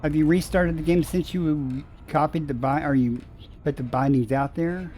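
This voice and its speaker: A man's voice: on the high side, steady tone, normal speed, darkish tone, a little hiss or hum. A man streaming a space game, chatting casually with viewers and musing aloud with dry sarcasm. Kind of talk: casual gameplay chat with viewers.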